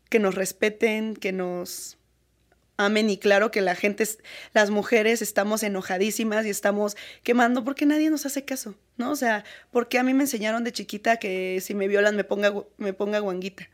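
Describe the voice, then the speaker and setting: A woman's voice: mid-range voice, normal speed. A young woman with a Mexican accent, speaking earnestly and with animation as a guest in a casual interview, often breaking into laughter.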